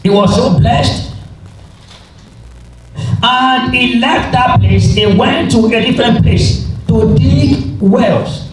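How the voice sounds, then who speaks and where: Male preacher, high voice, slow emphatic delivery with repeated phrases, heard in a very echoey space. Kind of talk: revival sermon with scripture readings. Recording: roomy, echoing, distant mic, faint noise.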